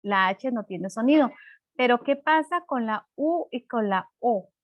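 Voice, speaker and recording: A woman's voice: a little high, animated, unhurried, dry recording, lo-fi sound. A woman teacher giving a class, patiently explaining and checking in with "¿verdad?" often. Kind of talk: online class lesson.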